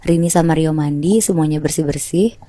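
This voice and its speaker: A woman's voice: low-pitched, brisk, dark tone, dry recording. A woman casually telling a horror story to friends on a podcast, chatty and slangy, calling her listeners by nicknames.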